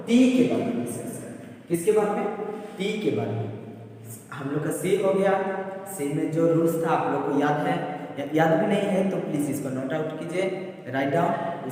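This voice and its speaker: A man teaching an English pronunciation lesson in a classroom style. He asks questions and answers them himself, repeating words slowly. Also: fairly high pitch, animated, darkish tone. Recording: echoey room, voice from a distance, faint ambient noise.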